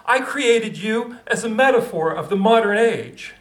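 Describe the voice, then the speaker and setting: A man's voice: high voice, animated, unhurried, pitched above the performer's own voice. Guy doing a cranky writer voice, bossy and lecturing, echoey. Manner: insistent, lecturing, exasperated. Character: stern male author, bossy and exasperated.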